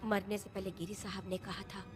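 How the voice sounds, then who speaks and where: A woman plays an older woman recounting the past in a solemn, even, flat voice in a dubbed film drama. Film music plays clearly behind her. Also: medium pitch, brisk, natural voice.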